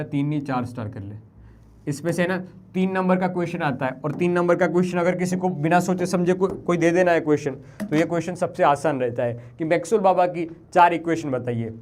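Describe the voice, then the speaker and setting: A young man teaching physics in a live online class. He talks to his students like younger siblings and reads equations out slowly. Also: fairly high pitch. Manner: talks to students as family, drops into soft apologetic tones; mixes Hindi with English formula terms, reads equations slowly.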